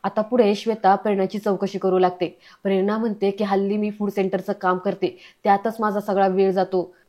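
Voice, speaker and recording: A woman's voice: medium pitch, level tone, fairly quick, warm tone. A woman retelling a TV serial episode, reading the characters' lines in her own voice. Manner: reads characters' lines with little change of voice. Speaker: serial recap narrator. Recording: dull lo-fi recording.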